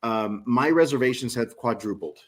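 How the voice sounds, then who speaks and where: A man's voice: medium pitch, moderate pace. A man in his forties, a guest on a casual podcast chat, talking with eager, promotional enthusiasm. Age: 40s.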